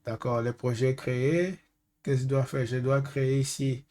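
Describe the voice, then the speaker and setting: A dark-toned, level, mid-range male voice belongs to an Angolan data consultant, a native Portuguese speaker with an Angolan accent. Hesitantly walking through a screen-share tech tutorial, he keeps pausing to find the right French words.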